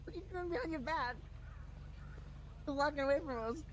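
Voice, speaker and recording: A woman's voice: high-pitched, a little fast, a little hiss or hum. A woman in casual role-play game banter, pleading and swearing.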